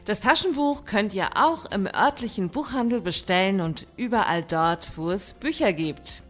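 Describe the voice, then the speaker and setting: A woman's voice: medium pitch, fairly bright tone. A woman hosting a book podcast, giving a friendly, scripted outro. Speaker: podcast host.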